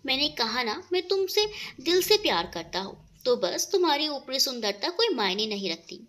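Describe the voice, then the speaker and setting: A man's voice: extremely high pitch, very animated, normal speed, sharp tone, full character voice. Earnest young lover, as a woman narrator reads him. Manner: earnest, romantic, teasing. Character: young man in love, earnest and romantic.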